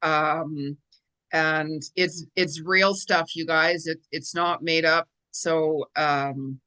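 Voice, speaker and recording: Bright-voiced bubbly woman host. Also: low voice, steady tone, very slow, clean tone. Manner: bubbly, laughs often, many "like"s. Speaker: show host. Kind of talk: casual interview.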